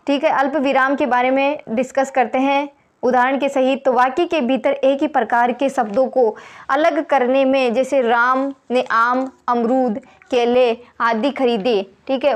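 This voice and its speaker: A woman teaching an exam prep lesson, explaining step by step and repeating the key points. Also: high voice. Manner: reads examples slowly.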